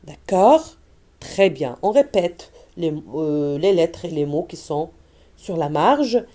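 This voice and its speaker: A woman teacher walking parents through an early reading lesson, modeling vowels and words slowly for children. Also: fairly low pitch, lively intonation, warm tone.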